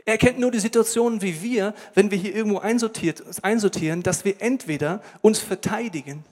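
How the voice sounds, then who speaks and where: High-voiced preacher in an echoing hall. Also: male voice, fairly quick. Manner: animated, colloquial, talks straight to listener. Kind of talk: sermon.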